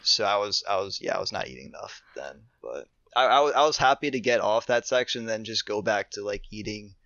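A man's voice: fairly low pitch, lively intonation, fairly quick, pushed and bright, no room sound. A young man, a podcast guest, chatting casually about hiking with many fillers and restarts. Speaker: podcast guest, thru-hiker. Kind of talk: casual interview chat. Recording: dull lo-fi remote audio.

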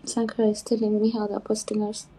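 A woman's voice: mid-range voice, completely flat delivery, fast, warm tone, a little hiss or hum, rough recording. A woman joining her partner's casual livestream, teasing and affectionate. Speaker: host's partner on stream.

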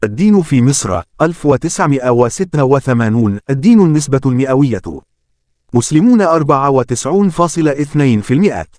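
A man giving scripted documentary narration, reading facts and figures in a steady, even way. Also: on the high side, no room sound, clean studio sound.

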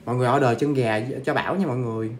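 A man hosts a casual ghost-story livestream, talking very fast in a mid-range voice with a little hiss or hum. He chats directly with viewers and eats while he talks.

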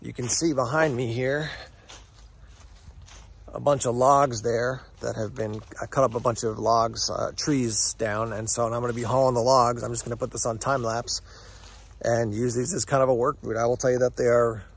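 An American man in his forties, a gear review vlogger, gives a casual, unscripted product review to camera outdoors, moving through woods, a yard, and a parking lot. He sounds conversational and a little hesitant, with a mid-range, flat voice at a moderate pace. Background noise is clearly audible in this outdoor recording.

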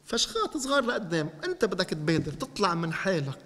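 Fast, animated Lebanese preacher man. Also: sits high, in a large hall. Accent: Lebanese Arabic. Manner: animated, addresses listeners directly. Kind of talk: teaching sermon to a congregation.

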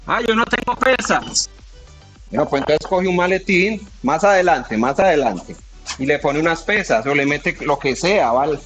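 High-voiced Colombian fitness coach. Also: male voice, normal speed, soft background music. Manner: energetic, pushing and counting down reps. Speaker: fitness trainer. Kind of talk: coaching a home workout.

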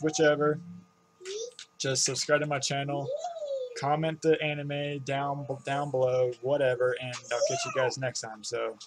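A young man talks very slowly and casually to camera, in a laid-back, slangy way. He sounds like an online reaction host recording in a bedroom, with faint noise behind him. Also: a little high. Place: small bedroom indoors. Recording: noisy room webcam recording.

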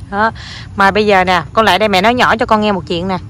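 A woman's voice: medium pitch, fairly bright tone, a little hiss or hum. A woman filming her small child on a lawn, talking to the child in a coaxing, playful, doting way. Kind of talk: casual home video chat with a toddler. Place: outdoors on a lawn.

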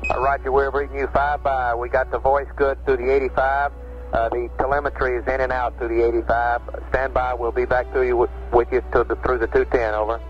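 A man speaks as a mission control communicator over a 1960s space radio link. His voice is band-limited and keeps to a fairly level pitch, with clear music underneath. He talks in procedural radio calls. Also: level tone, fairly quick, highs cut off. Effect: space radio transmission. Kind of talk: radio call-and-response procedure talk.

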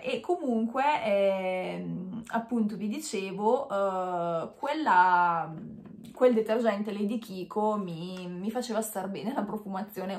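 Echoey-room woman vlogger talking with a retainer in. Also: medium pitch. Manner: wearing a dental retainer while talking; chatty, hesitant, with self-corrections. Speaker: beauty vlogger. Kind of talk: casual chat unboxing to camera. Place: small indoor room with bare walls.

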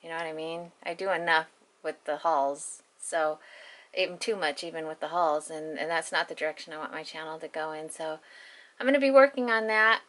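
A woman's voice: low-pitched, fairly quick, fairly bright tone. A woman vlogger chatting casually in a folksy, self-deprecating way in a home kitchen, speaking from behind a handheld camera. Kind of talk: casual chat.

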